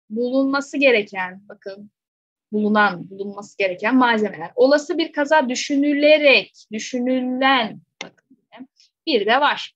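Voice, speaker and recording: This exam question walkthrough is led by a woman teacher with a high-pitched, somewhat bright voice. She goes through each question step by step and regularly checks understanding with rhetorical questions, in a slightly dull, dry close recording without echo.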